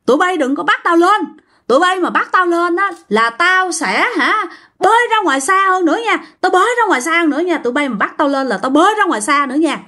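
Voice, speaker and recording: Woman playing a possessed woman, defiant, high, loud, Southern Vietnamese accent. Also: expressive, fast talker, exaggerated voice. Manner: defiant, shouting threats. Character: possessed woman refusing to leave the river.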